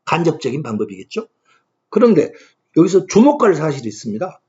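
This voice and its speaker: A man's voice: a little high, sing-song, fairly quick, a little mellow. A man giving a lecture who asks himself questions and answers them with emphasis. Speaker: lecturer on ancient Korean poetry. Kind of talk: classroom-style lecture. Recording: dull lo-fi recording.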